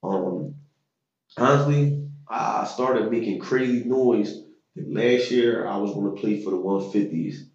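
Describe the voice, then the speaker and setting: A man in his thirties telling stories about his high school football days in a loose, slangy way with lots of fillers. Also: a little slow, darkish tone, reverberant, lo-fi sound. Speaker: interview guest, former football player. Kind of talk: casual storytelling interview.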